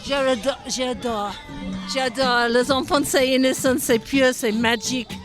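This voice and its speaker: A woman with a foreign accent in French, speaking in halting, simple phrases in an informal interview. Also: sits high, fairly even intonation. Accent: foreign, non-native French. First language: not French. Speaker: interviewed supporter of a children's village. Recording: loud music and crowd behind.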